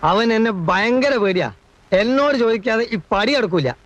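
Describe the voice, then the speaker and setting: A fussy alarmist busybody. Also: male voice, high-pitched, expressive, normal speed, fairly bright tone, dry recording, dull audio. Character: meddling gossipy middle-aged man, anxious busybody. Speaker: servant-like relative in a comedy film.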